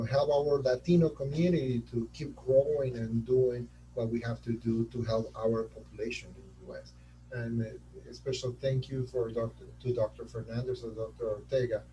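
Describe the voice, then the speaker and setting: A man from Colombia with a Colombian Spanish accent speaking English as a second language, talking in an animated way as a surgeon being interviewed on a webinar. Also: mid-range voice, far from the mic, slight background noise, low-quality recording. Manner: animated, repeats words while searching for them. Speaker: transplant surgeon guest.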